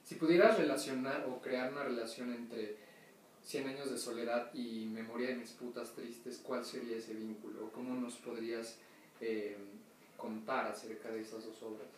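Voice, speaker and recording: A man's voice: mid-range voice, steady tone, normal speed. A man interviewing a guest, asking questions in a hesitant way with many fillers. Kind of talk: staged interview. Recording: very echoey, distant, faint noise.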